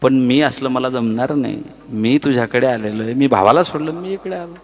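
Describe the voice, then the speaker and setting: A man preaching a devotional kirtan sermon, telling the story with lively acted voices and breaking into chanted verses. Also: medium pitch, moderate pace. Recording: reverberant hall.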